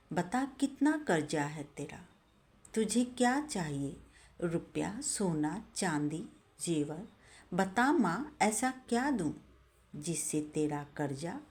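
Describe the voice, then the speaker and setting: A woman voicing an impatient, angry grown son in a spoken moral story, her voice rising higher and louder as he complains. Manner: exasperated, raising voice in complaint.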